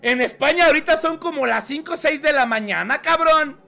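A man's voice: very high voice, fairly quick, vocal fry, sharp tone, faint music behind. A man with a Mexican accent reading chat on a live stream and mocking it with profanity and laughter. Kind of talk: casual live-stream commentary.

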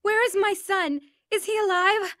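A woman's voice: animated, measured pace, no room sound, studio quality. A woman reading an audiobook, voicing an injured young mother who cries out in panic after a car crash. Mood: frantic. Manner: crying out, high and pleading.

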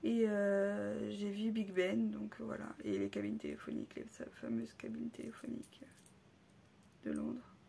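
A woman casually showing off souvenirs she bought on a trip, hesitant, with many pauses and fillers, and often dropping into soft half-whispers. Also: mid-range voice, big pitch swings, creaky, slight background noise. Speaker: vlogger showing a shopping haul. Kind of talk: casual haul video.

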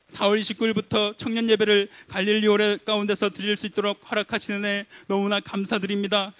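A man's voice: high-pitched, fairly bright tone, dry recording. A young man leading an earnest, fervent spoken prayer at a youth worship service, pleading in long repeated phrases into a handheld mic. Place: church hall stage, indoors. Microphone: handheld mic held close.

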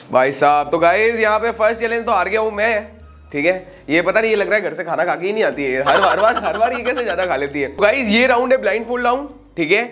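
A man's voice: high-pitched, a bit bright. A young man hosting a casual food challenge vlog. He chats, keeps checking with "ठीक है?", and talks while he eats. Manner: chatty, keeps asking "ठीक है?". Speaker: vlog host.

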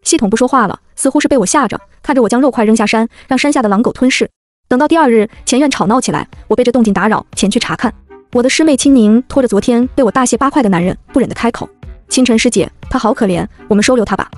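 A woman narrating a first-person web-novel story in a brisk, cool manner. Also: fairly high pitch, no room sound, soft background music.

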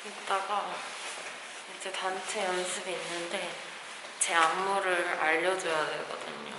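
A woman's voice: on the low side, fairly even intonation, measured pace. Young woman in her twenties, vlogger, muffled by a face mask, chatty self-talk, noisy background. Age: 20s. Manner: chatty, talking to herself while going about her day. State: speaking through a face mask. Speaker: vlogger, dance student. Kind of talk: casual vlog chat.

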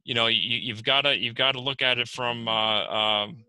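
Bright-voiced man reporting at a council meeting. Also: medium pitch, steady tone, normal speed, clean tone, no echo, rough recording. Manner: hesitant, many fillers and restarts. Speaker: borough manager. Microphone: video call.

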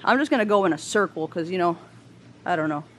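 Filming close-up on a handheld camera mic, this woman tours a tank-filled aquarium store room, reacting with casual, slangy enthusiasm. She talks fast and animatedly in a lowish, fairly bright voice over slight background noise.

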